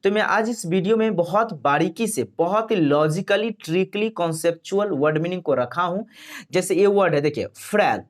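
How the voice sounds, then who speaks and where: A man's voice: high-pitched, normal speed. A young man teaching an exam-prep vocabulary lesson. He explains with memory tricks and asks and answers his own questions.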